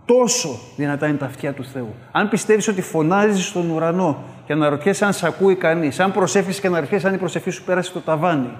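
A man preaching a sermon, animated when he calls out his examples and hushed as he moves toward prayer. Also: fairly high pitch, few pauses. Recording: echoey hall with long reverb.

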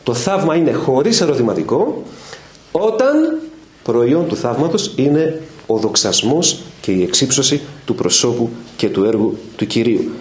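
A man's voice: medium pitch, sing-song. A middle-aged man preaching at a Bible study, telling stories with quoted dialogue and asking his listeners questions. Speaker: evangelical preacher. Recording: echoey room with faint ambience.

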